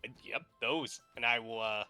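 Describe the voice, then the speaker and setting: A man playing a tabletop game, eager and quick to laugh. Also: medium pitch, sharp tone, smooth, soft background music. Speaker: player. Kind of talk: casual tabletop game play.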